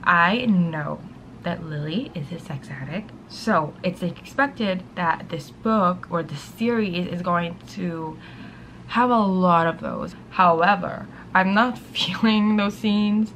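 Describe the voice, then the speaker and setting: A woman's voice: lowish voice, lively intonation, unhurried, fairly bright tone, a little hiss or hum, low-quality recording. A young woman chatting casually about a book she is reading, exasperated and sometimes dropping to a whisper. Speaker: book vlogger. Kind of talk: casual reading vlog chat.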